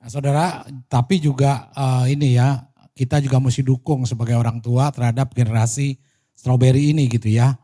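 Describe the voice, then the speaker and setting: A man's voice: mid-range voice, steady tone, a little fast, dark tone. Male preacher with an Indonesian accent, mid-range voice, talks to the congregation in a plain, chatty way. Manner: conversational, addresses the congregation directly. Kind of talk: sermon. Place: church.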